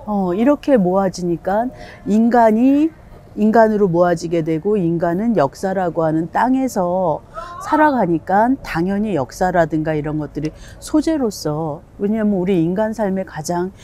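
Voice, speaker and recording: Brief: older woman playwright, measured and thoughtful, dark voice, faint room ambience. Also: medium pitch, slight background noise. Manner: reflective, measured, with pauses. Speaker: playwright and theater company head. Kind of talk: documentary interview.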